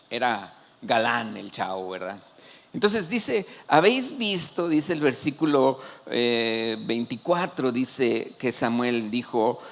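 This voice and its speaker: Animated Mexican pastor, slow sermon. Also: male voice, fairly high pitch. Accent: Mexican Spanish. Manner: animated, acts out biblical quotes with excited shouts; colloquial, frequent restarts.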